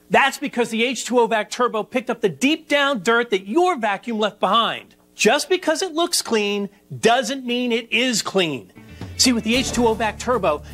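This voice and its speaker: A middle-aged man presenting a product demonstration pitch, emphatic, with punchy repeated phrases. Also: fairly bright tone. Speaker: infomercial presenter. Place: furnished living room indoors.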